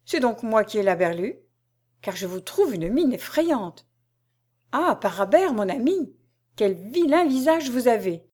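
A woman reading aloud and voicing a scheming male courtier who speaks in a plaintive, mock-solicitous, drawn-out way. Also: mid-range voice, close to an everyday voice. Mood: mock-pitying.

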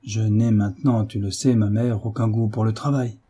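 A man's voice: fairly low pitch, fairly even intonation, moderate pace, warm tone, slightly rough. A man reading a novel aloud, voicing a sulky, hot-tempered teenage boy who defies his mother. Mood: sullen. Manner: sulky and defiant.

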